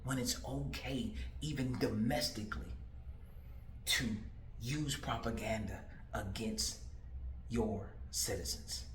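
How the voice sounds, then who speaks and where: Speaking slowly in a mid-range voice, a man in his forties campaigning for office talks right to the viewer. His delivery is emphatic and repetitive, full of rhetorical questions, and the recording carries a little hiss or hum and a roomy echo.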